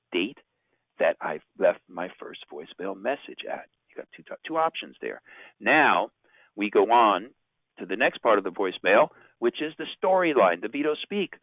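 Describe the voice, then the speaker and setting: A man's voice: fairly low pitch, very animated, normal speed, no echo. A man giving an instructional presentation as a sales trainer, informal and emphatic, asking rhetorical questions. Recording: narrow phone-like sound, very dry.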